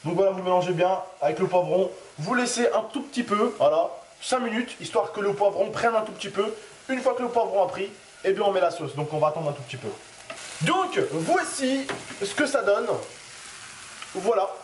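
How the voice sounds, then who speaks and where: High-voiced man chatting in an echoey kitchen. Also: expressive, normal speed. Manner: chatty, joking, addresses viewers directly. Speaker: cooking video host. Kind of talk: casual cooking demonstration. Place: home kitchen. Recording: roomy kitchen with frying noise. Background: sizzling pan.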